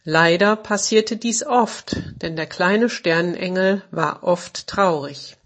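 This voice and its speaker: A woman narrating a children's story in a gentle, measured storybook reading. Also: lowish voice.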